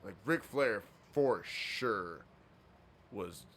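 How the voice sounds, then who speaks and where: A man's voice: on the low side, expressive, very slow, a bit bright, a little hiss or hum. A young man in casual podcast chat, rambling, swearing often and acting out wrestler impressions. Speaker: podcast co-host.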